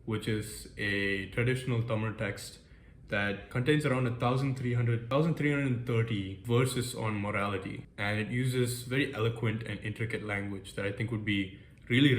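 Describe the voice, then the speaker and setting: A young man talks through his plans in a casual, upbeat vlog, joking at his own expense as he ticks through a list. His voice sits a little low. The room is echoey with a faint hiss behind him. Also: fairly bright tone. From United States. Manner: upbeat, self-deprecating, lists goals briskly. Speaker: vlogger. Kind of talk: casual goal-setting vlog.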